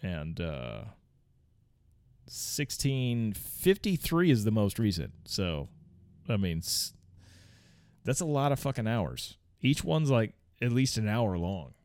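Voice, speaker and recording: A man's voice: fairly low pitch, very animated, darkish tone, no echo. Rambling man with a dry podcast sound. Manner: rambling, halting, many fillers and restarts; profane, chuckles often. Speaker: podcast host. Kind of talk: casual solo podcast chat.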